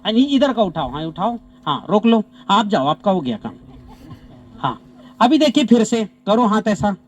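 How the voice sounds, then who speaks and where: A man leading a natural farming training outdoors on farmland, animated and repeating short commands to participants. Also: sits high, moderate pace. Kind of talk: live outdoor demonstration with participants. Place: outdoors on farmland under trees.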